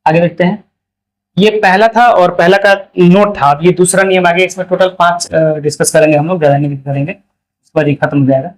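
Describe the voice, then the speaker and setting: High-voiced man teaching grammar with a Hindi accent. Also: steady tone, rough recording. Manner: asks questions and answers them himself; says English examples slowly and carefully. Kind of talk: casual classroom explanation.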